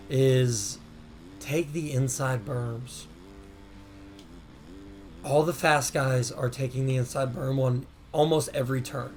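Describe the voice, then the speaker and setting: A hoarse man hosting a gaming channel, talking casually over gameplay as he explains racing tips. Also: mid-range voice. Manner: laid-back, peppers talk with "man". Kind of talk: casual game tutorial voice-over.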